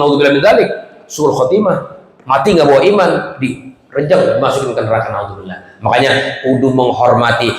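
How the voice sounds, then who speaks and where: A man preaching a sermon, telling a story dramatically with big swings in pitch. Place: prayer gathering hall. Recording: echoey hall with long reverb.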